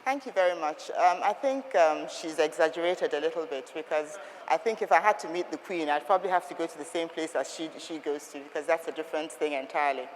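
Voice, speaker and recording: Speaking fast and low-pitched with few pauses, a Nigerian etiquette trainer gives a group a firm, instructive talk, posing rhetorical questions. The hall adds a long reverb.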